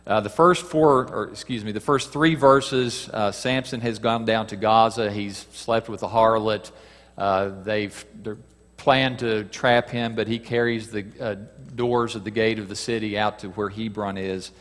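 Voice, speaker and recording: A man's voice: lowish voice, fairly even intonation, measured pace, fairly bright tone. Man preaching in a reverberant hall. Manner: conversational, asks the listeners questions, reads scripture aloud; acts out quoted cries with a raised voice. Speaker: preacher teaching a Bible lesson. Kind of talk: sermon.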